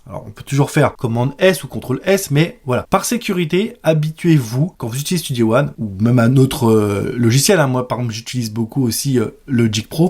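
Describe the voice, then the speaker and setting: A man walks through music software step by step in a screen-recorded tutorial. He speaks at a middling pitch and pauses often to fill gaps and correct himself mid-sentence. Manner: hesitant, many "euh" fillers and self-corrections.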